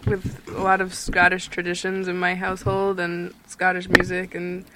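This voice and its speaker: A woman's voice: lowish voice, completely flat delivery, moderate pace, fairly bright tone. A woman with a mid-range voice chats casually on a radio show and turns to question another guest. Faint clicking noise can be heard behind her. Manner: chatty, asks other guests questions.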